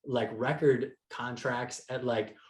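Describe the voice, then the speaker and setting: As a guest on a podcast, this entrepreneur and author in his thirties talks casually but with emphasis, using youthful, informal wording in a relaxed interview. He speaks slowly, with a steady, medium-pitched tone, in a roomy, echoing space.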